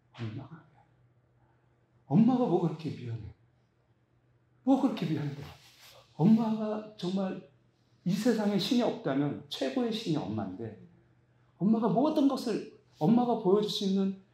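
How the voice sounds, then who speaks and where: Male pastor, emphatic storytelling sermon, mellow voice, roomy church echo. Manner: storytelling, emphatic, rising to high excited pitch.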